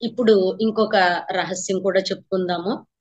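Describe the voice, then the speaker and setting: A woman's voice: mid-range voice, steady tone, normal speed, darkish tone. A woman meditation teacher giving a spiritual talk to a class, telling her story earnestly and repeating phrases for emphasis. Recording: slightly dull lo-fi recording.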